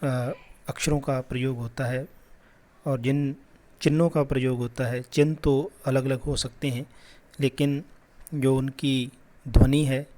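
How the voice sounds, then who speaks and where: A man teaching a class lesson, patiently repeating sounds slowly for children. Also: medium pitch, darkish tone.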